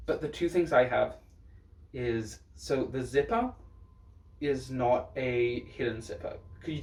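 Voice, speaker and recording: A man's voice: medium pitch, slight background noise. A man with a sassy, campy drag queen manner giving casual, blunt reaction commentary. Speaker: drag performer reviewing looks. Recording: roomy echo, distant microphone.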